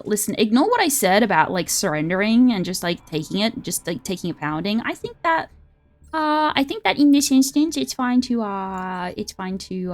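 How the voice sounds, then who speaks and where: A young woman streaming a card game, chatting casually and excitably, swearing freely and sliding into a valley girl voice. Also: mid-range voice. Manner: excitable and profane, drifts into a put-on valley girl voice. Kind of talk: casual live-stream gaming chat. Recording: faint music behind.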